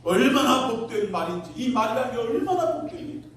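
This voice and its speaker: A man's voice: very high-pitched, lively intonation, fairly quick. A male pastor preaching a sermon to his congregation, telling a story with acted-out quotes and building to emphatic peaks. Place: church sanctuary. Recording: echoey hall from far off, faint room noise.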